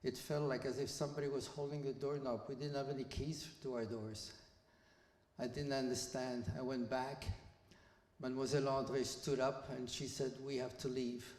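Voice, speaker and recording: An approximately 80-year-old Belgian man speaks to students in a school hall, offering his personal story as a guest speaker. The delivery is flat, measured and plain, with small restarts, in a mid-range voice of darkish tone. Hall reverb leaves the recording echoey.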